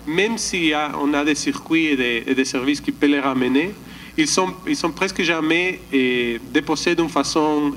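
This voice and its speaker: A man walks an audience through slides at a conference, pausing to search for words and restarting his sentences. His voice sits a little high for a man. A faint background noise runs under it. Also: a bit bright, low-quality recording. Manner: calls for the next slide. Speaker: conference presenter. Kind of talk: slide presentation at a summit.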